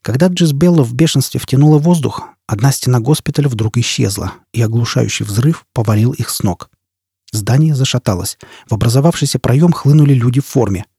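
A man narrating an audiobook in a dramatic, steady way. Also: medium pitch, brisk, slightly rough, no echo, clean studio sound.

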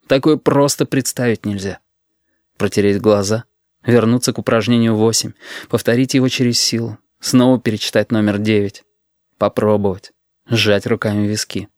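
A male narrator with a fairly low pitch reads an audiobook script in a level, measured storytelling voice. It is studio quality, with no room sound.

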